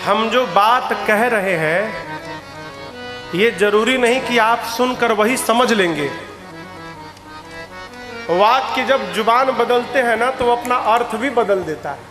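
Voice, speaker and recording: Slow, high-voiced preacher in an echoing hall. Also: male voice, music in the background. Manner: storytelling with quoted dialogue and sung lines. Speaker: katha preacher. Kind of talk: sermon storytelling. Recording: echoey hall with instrument backing.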